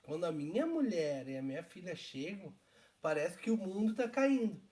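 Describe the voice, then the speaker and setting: A man with a notably high voice hosts a casual live stream, chatting and walking the audience through each step. He is from Brazil and talks in an easy, conversational way. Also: sing-song, normal speed, dark tone.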